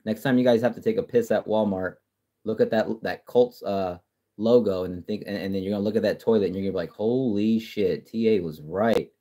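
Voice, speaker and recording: Profane, excitable male livestream host. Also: lowish voice, fast talker. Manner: profane, excitable, trash-talking, frequent restarts. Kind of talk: casual live-stream chat reading comments.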